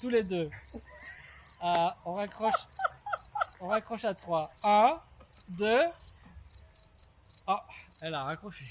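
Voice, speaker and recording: A man's voice: sits high, expressive, takes it slowly, long pauses, roomy sound, very noisy. A man playing a tender, sentimental phone lover. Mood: cooing. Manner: tender, a bit flustered. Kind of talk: amateur stage play rehearsal.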